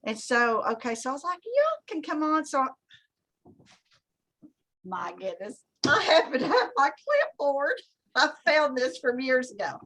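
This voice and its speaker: A woman with a high, bright voice tells funny stories over a video call. She is animated, laughs often and puts her own thoughts into a squeaky high voice. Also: a little slow, long pauses. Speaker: guest telling stories. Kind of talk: casual storytelling on a video call.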